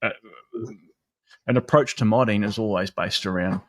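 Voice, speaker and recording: A New man hosts a live stream, chatting in a loose, rambling way full of fillers. His voice sits a little low, and the sound is dry and close. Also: normal speed, no echo. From New Zealand. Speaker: livestream host. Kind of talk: casual chat.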